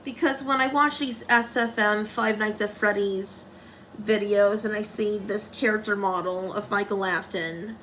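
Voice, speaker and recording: A woman's voice: medium pitch, steady tone, measured pace, a bit bright, slight background noise, rough recording. A young woman talking through a casual makeup tutorial, rambling and commenting on herself, with dry sarcastic asides.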